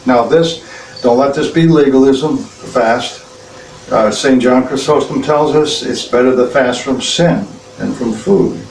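A man, an Orthodox bishop, giving a conversational sermon in a church, plain and unhurried, often pausing with filler sounds and restarting his sentences. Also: medium pitch, darkish tone. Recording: echoey church, distant mic, faint background noise.

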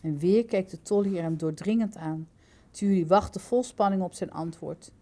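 A woman reading a children's book aloud in a calm, steady storytelling voice. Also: on the low side, moderate pace. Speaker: storybook reader.

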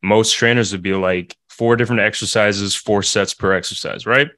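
Young man, somewhat low voice, casual co-host, loose filler-heavy chat, desk mic at home. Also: moderate pace. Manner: relaxed, chatty, many fillers. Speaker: podcast co-host. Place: home room, indoors. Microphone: desk microphone.

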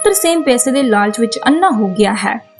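Female storyteller, highish voice, storybook reading, faint music underneath. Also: lively intonation, moderate pace. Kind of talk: storybook narration.

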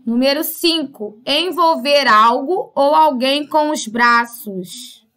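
A woman teaches a primary school class in a high-pitched, slightly bright voice, speaking slowly. She is patient, explaining each point step by step and checking in often with her pupils with frequent "tá?" and "né?".

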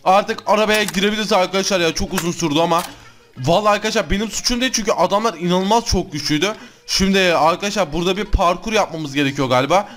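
Fast, excitable man doing gameplay commentary. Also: high-pitched, faint music behind. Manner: excitable, talks to viewers constantly, slangy. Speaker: gaming channel host.

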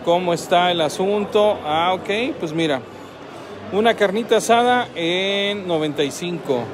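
A man's voice: high-pitched, a little slow, crowd noise. A man with a Mexican accent casually reviewing a restaurant meal, repeating phrases and laughing often, filmed on a phone at a table near a road. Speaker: food vlogger.

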